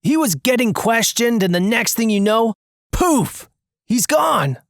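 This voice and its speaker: The narrator voices a brusque getaway accomplice in a cartoon mystery, sounding bossy, impatient, commanding and dismissive. The pitch is raised with lively movement, the pace measured, the mood matter-of-fact, and the recording dry.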